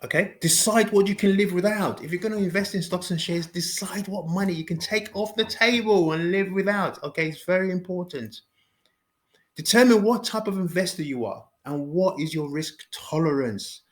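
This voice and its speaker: A man talks viewers through the basics in a casual lesson, his voice sitting a little high. He restarts phrases, repeats key words for emphasis and ends points with a quick "okay?". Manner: repeats himself, says "okay?" after points. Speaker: finance educator. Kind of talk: informal explainer video.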